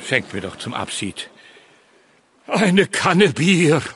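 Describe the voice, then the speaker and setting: A theatrical hermit poet, declaiming like a hammy old-school stage actor. His slightly high voice swoops widely as he draws out his words in a comic audio drama, over audible background noise. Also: sing-song, takes it slowly, fairly bright tone, heavily acted. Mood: mournful, yearning. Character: theatrical castaway hermit poet, former actor from a sunken continent.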